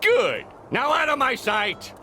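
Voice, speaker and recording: Sharp, sneering tiny villain Plankton. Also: male voice, very high-pitched, huge pitch swings, takes it slowly, soft background music, heavily acted. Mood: bossy irritation. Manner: imperious, sneering. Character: tiny scheming plankton villain, pompous, irritable. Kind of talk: cartoon video game voice acting.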